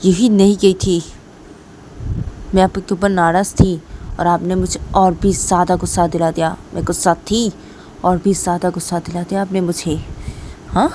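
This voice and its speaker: A woman's voice: on the low side, little pitch movement, moderate pace, warm tone, a little hiss or hum, close to an everyday voice, rough recording. A woman voicing an angry young female student who reproaches her teacher lover. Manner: reproachful, repeats her complaints.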